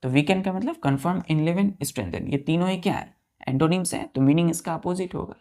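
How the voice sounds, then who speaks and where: A man teaching vocabulary, spelling each word letter by letter, counting aloud and repeating key words slowly for his students. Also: on the high side, darkish tone. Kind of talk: vocabulary lesson.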